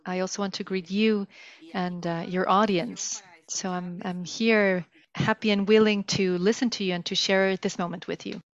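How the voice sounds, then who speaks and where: A woman working as a live interpreter, speaking in the first person for a guest in a steady way with small restarts. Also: medium pitch, normal speed, highs cut off.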